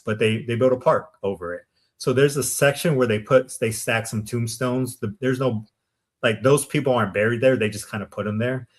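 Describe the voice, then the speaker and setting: A man from Arizona, a podcast guest who investigates the paranormal, telling stories casually with lots of fillers and tagged "right?" questions. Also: medium pitch. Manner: rambling, many fillers and "right?" tags. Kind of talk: casual interview storytelling.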